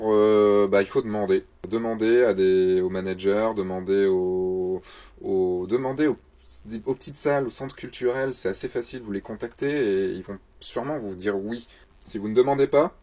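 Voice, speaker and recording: A man with a slightly low, husky voice hosts a casual question-and-answer vlog about photography. He talks in a loose, chatty way and keeps slipping in self-mocking jokes. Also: darkish tone.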